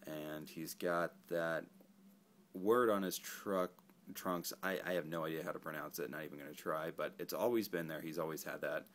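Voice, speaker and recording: Laid-back male toy reviewer, very low voice, rambling and self-correcting. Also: fairly even intonation, moderate pace, a bit bright. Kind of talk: casual action figure review.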